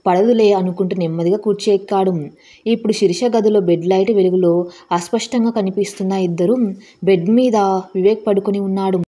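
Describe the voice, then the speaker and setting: A woman's voice: mid-range voice, warm tone, breathy edge. A woman reading a story aloud as narrator, voicing the dialogue in her own voice. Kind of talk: scripted narration of an audio story.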